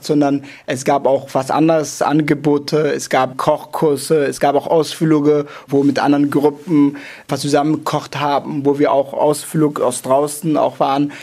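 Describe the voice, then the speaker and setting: A man's voice: a little high, fairly even intonation, normal speed, a little mellow. Young man speaking hesitant German. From Somalia. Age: 20s. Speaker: interviewee, former refugee. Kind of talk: interview answers.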